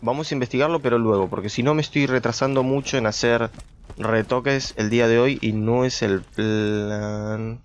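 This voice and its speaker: A man's voice: medium pitch, steady tone, normal speed, highs cut off. A young man giving casual gameplay commentary, chatty and thinking aloud as he plays, talking to his viewers. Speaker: gameplay streamer.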